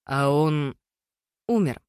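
A reader voicing a secretive young woman who answers softly and evasively, in a dry recording. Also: sits low, takes it slowly, smooth, no room sound.

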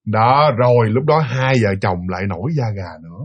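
A man casually retelling a ghost story, animated and full of restarts and hesitations. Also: mid-range voice, a little fast, lo-fi sound.

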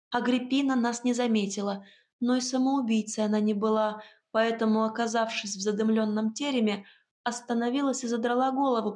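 Brief: woman narrator, first-person fantasy audiobook, steady expressive reading, a bit higher pitch.

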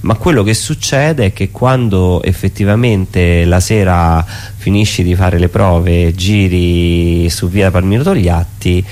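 A male theatre performer answers interview questions spontaneously and haltingly, often correcting himself as he thinks aloud. His voice is low and a little mellow.

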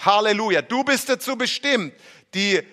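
German-accented male preacher, high bright voice, emphatic sermon delivery. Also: lively intonation, normal speed. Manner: emphatic, rhetorical, acts out quoted voices.

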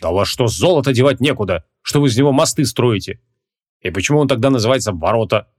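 A man voicing an arrogant ancient male mage who talks in a low, dry, dismissive drawl. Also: animated, fast, natural voice.

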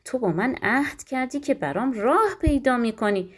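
A woman's voice: a little high, animated, pitched above the performer's own voice. A woman doing a pleading young princess. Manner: pleading, tearful.

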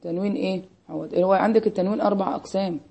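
Speaking very fast in a medium-pitched, fairly even voice that is both gravelly and mellow, an Egyptian woman leads an Arabic grammar lesson. She keeps firing "what?" prompts at her students in a call-and-response pattern.

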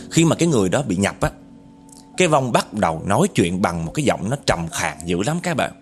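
Dramatic male storyteller. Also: lowish voice. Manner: chatty, addresses listeners often, dramatic. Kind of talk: casual spoken horror storytelling.

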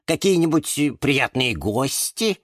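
A man voicing a fussy, excitable male lemon houseplant who turns shrill when upset, in a children's storybook. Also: measured pace, no echo, studio quality.

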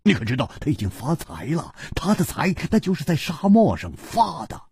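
A boisterous, quick-tempered swordsman, put on by a male storyteller, who shouts and lectures his old friend. The voice sits high and leaps all over the place, with a husky, raspy grain. It is close and dry, a storyteller's radio delivery. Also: wildly swooping pitch, dry recording, heavily acted. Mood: teasing. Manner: loud, blustering, scolding.

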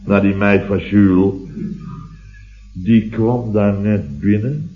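A Dutch-accented man from the Netherlands voices a boastful, grumbling construction boss in a radio comedy, spinning an indignant anecdotal monologue that drags on with repeated tag words. His voice is lowish, animated, and sardonic over soft background music, captured in a dull, roomy vintage radio recording.

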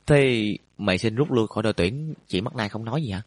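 A man voicing a blunt, gloomy teenage schoolboy with a deadpan delivery. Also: on the low side, a little fast, no echo. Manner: flat, deadpan.

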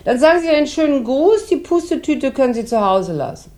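Sing-song and pitched high, this actress's delivery runs a little fast and carries a mocking tone. She plays a world-weary, heavy-drinking woman with a sharp tongue in a 1960s German radio crime drama, with an ironic, languid manner.

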